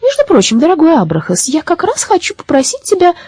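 A woman voicing a cheerful, mischievous little witch in a high, lively, teasing voice. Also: quick pace, dry recording, full character voice. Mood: playful.

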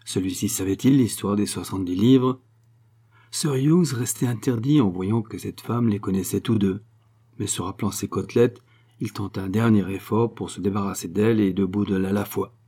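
A man reading a classic novel aloud in measured, even narration. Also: fairly low pitch, husky. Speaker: audiobook reader. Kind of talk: literary audiobook narration.

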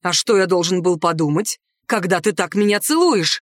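A woman voicing a commanding, arrogant male ruler who speaks slowly and low with quiet menace. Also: animated, dry recording, studio quality. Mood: stern.

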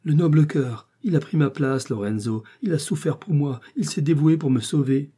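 A man's voice: fairly high pitch, moderate pace, dark tone, breathy edge, pitched above the performer's own voice. A man voicing a devoted young Venetian woman who speaks in a fervent, pleading way.

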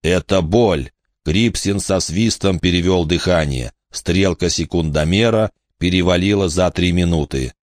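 Deep-voiced male audiobook narrator. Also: moderate pace, hardly any pauses, no echo, studio quality.

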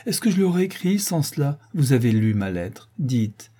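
Man doing anxious young woman artist, pleading, raised pitch, husky dark tone. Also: sing-song, normal speed. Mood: insistent. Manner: pleading, insistent. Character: young female artist, anxious and clinging to hope. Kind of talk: audiobook character voicing.

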